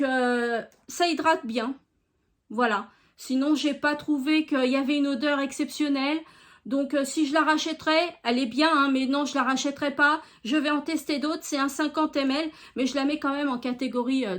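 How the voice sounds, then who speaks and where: A woman chatting casually as she reviews finished beauty products, talking straight to her viewers with many hesitations. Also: high voice. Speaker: beauty vlogger.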